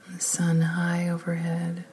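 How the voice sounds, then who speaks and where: A woman leading a guided meditation in a soft, often whispered, slow and soothing voice. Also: lowish voice, completely flat delivery, soft background music.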